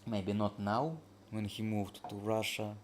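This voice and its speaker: A tired man chatting casually as he reacts to a video, in halting, drifting phrases. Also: on the low side, steady tone, slight background noise. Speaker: streamer reacting to a video review. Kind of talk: casual late-night reaction chat.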